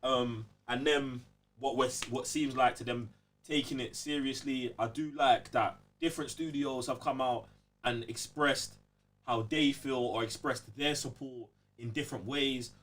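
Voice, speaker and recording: With a medium-pitched, steady, fairly bright voice, a young man from London talks unhurriedly on his casual podcast. He is emphatic and slangy, often checking in with tag phrases to make sure listeners follow. The mic is distant.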